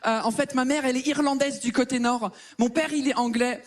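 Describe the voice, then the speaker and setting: A man's voice: extremely high pitch, steady tone, a little fast. A man from England, native in English, doing a crude, self-mocking stand-up routine on stage. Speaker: stand-up comedian. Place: comedy stage before an audience.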